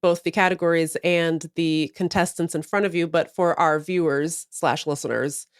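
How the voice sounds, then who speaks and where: A woman's voice: low-pitched, steady tone, normal speed, clean tone, no room sound, clean studio sound. A woman co-hosting a casual podcast livestream, laughing often as she talks. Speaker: podcast co-host.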